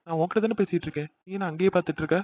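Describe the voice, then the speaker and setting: A man's voice: high voice, rapid-fire, darkish tone, lightly acted. A man voicing a playful, defensive older brother in a cartoon. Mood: grumbling. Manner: grumbling, defensive. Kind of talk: cartoon voice acting. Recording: slightly dull lo-fi sound.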